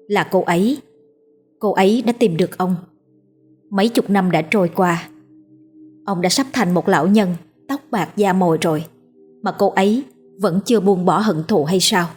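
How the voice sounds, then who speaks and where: A woman narrating a ghost story in a steady, scripted storytelling manner. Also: medium pitch, breathy edge.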